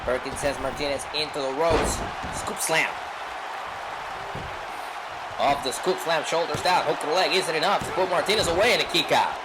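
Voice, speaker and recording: This live pro wrestling commentator speaks in a fairly high voice at a moderate pace, leaving long pauses between his short, clipped calls and dramatic rhetorical questions. A loud crowd fills the noisy venue.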